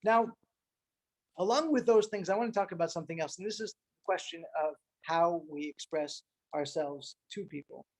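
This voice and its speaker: A man's voice: a little high, moderate pace, a little mellow. A middle-aged man giving an informal training talk to fellow emissaries, earnest, repeating words for emphasis and using Hebrew and Yiddish terms. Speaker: rabbi addressing fellow Chabad emissaries.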